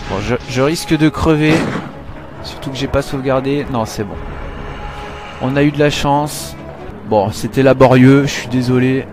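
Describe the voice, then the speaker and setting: A man giving casual, excitable play-by-play commentary on a live game stream, swearing and laughing often. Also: medium pitch. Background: game music.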